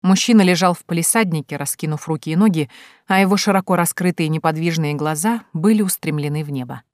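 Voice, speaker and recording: A woman narrating an audiobook in a measured, even manner. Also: low-pitched, no echo, studio quality. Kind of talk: scripted narration.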